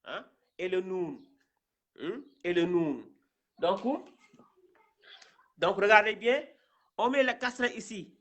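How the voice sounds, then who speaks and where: A man from Senegal gives a slow reading lesson, spelling out each syllable and repeating it patiently for his learners. His voice is bright and forceful, and he speaks at an unhurried, deliberate pace. He keeps checking in with short asides as he goes. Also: sits high. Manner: patient and repetitive, often adding "hein" and "voyez bien". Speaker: Quran reading teacher.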